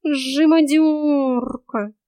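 A woman's voice: extremely high pitch, animated, very slow, dry recording, studio quality, pitched above the performer's own voice, full character voice. Woman voicing a whiny lazy house cat. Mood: whiny grumbling. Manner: sleepy, whiny grumbling. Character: lazy talkative male house cat, grumbling.

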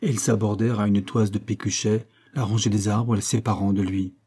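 Brief: man, audiobook narrator, measured delivery, mellow dark tone. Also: on the low side, level tone, husky. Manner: slow, measured. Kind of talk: audiobook reading of a classic novel.

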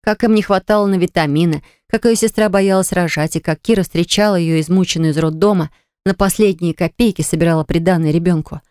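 A woman narrating a novel aloud in an even, measured audiobook reading. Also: lowish voice, clear, resonant tone, no echo, clean studio sound. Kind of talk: scripted narration.

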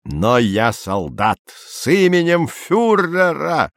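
A man voicing a drunk, pompous German soldier who speaks slowly and solemnly in a storybook reading. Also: on the high side, very animated, no echo, clean studio sound, pitched above the performer's own voice, exaggerated voice. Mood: maudlin boastful.

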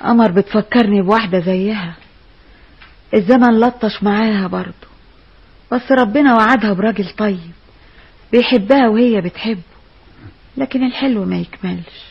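An actress playing a scheming wife who speaks in a measured, confiding way with an Egyptian accent. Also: female voice, mid-range voice, slightly rough, muffled recording.

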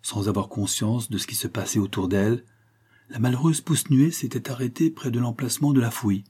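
A man reading a French novel aloud in a measured, dramatic narration. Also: medium pitch, warm tone, breathy edge. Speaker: audiobook reader. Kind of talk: scripted literary narration.

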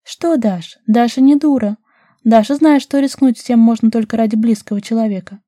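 A woman's voice: fairly high pitch, moderate pace, dark tone, no room sound, studio quality, pitched above the performer's own voice, lightly acted. A woman voicing a bold, teasing young woman who presses her lover with questions, in a storybook reading.

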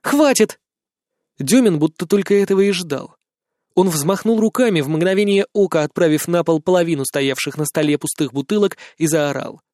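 A man narrating an audiobook in the first person, with even, measured storytelling. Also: on the high side, dry recording, studio quality.

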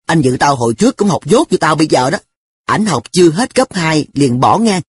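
Breathy raised-voice schoolboy, nonchalant slacker, read by a man in an audiobook. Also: on the high side, very animated, a little fast, no echo, heavily acted. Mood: offhand. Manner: offhand, nonchalant. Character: stubborn carefree schoolboy who shrugs off studying.

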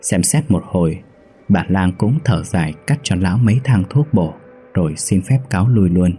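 A man narrates a ghost story in a slow, measured way. His voice is very low and dark, with a husky grain. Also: animated. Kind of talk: scripted horror narration.

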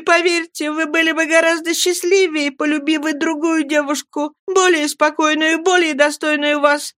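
A woman's voice: high-pitched, no room sound, studio quality, pitched above the performer's own voice, natural voice. A woman voicing a sobbing, pleading young girl. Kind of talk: audiobook character reading.

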